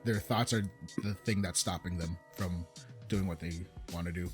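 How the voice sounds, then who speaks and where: A man's voice: low-pitched, moderate pace, faint music behind. A young man co-hosting a casual podcast, a fitness coach giving laid-back, earnest advice. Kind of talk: casual chat.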